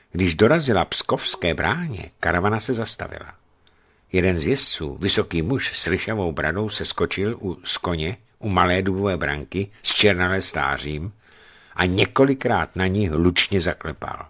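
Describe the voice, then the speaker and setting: Low-voiced man reading a novel aloud. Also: fairly bright tone. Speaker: reader. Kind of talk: scripted narration.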